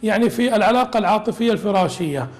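A man delivers a religious lesson as a sheikh, explaining a classical text. His voice sits high and he talks quickly. He keeps it lively with humorous asides.

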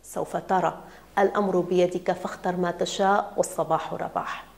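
A powerful boss makes smooth offers and icy threats, as a woman narrator puts him on. His voice is calm, cold and controlled. It is a storybook reading. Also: lowish voice, a little fast. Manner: coldly threatening. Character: menacing male drug company director, cold and smooth.

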